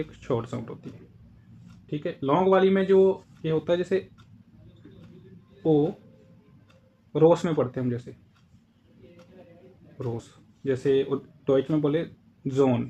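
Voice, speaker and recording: A man with an Indian accent gives a casual spoken lesson in a slightly high voice. He explains things patiently and says each example word more than once. A faint hum runs under the recording. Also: mellow, muffled recording. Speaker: German language teacher.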